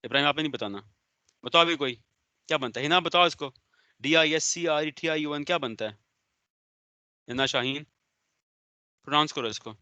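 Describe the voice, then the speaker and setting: A man with a fairly high voice lectures on business law in an online class, speaking at a normal speed with long pauses and a sharp tone. He is stern and sarcastic, scolding and explaining as he calls on students by name. The audio has no echo, and the highs are cut off.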